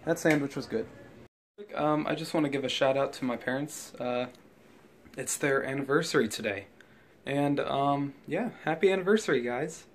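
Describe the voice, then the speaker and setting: Holding his phone at arm's length, a young man vlogs in a relaxed way with a mid-range voice at a moderate pace. Filming happens in rooms at home, in a car and outdoors, with clear background noise.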